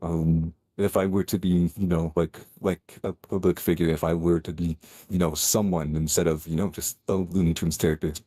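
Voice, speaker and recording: A man's voice: low voice, flat delivery, normal speed, dark tone, slightly rough, no room sound. A man speaking through a voice changer in a voice-chat debate, rambling with many fillers and restarts.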